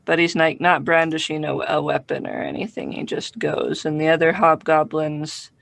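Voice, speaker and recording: A man narrating a tabletop game as game master, improvising descriptions in a halting way. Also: on the high side, lively intonation, vocal fry, a bit bright, no room sound.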